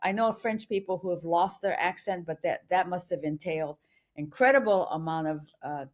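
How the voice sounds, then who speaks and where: A woman's voice: fairly low pitch, normal speed. A woman co-hosting a podcast, chatting casually and enthusiastically with frequent restarts. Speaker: podcast co-host. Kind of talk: casual chat.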